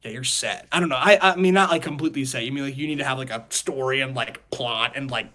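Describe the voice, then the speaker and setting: A man with a sharp, mid-range voice talks fast as a podcast co-host sharing casual opinions on movies and games. He rambles and hedges, leaning often on "like."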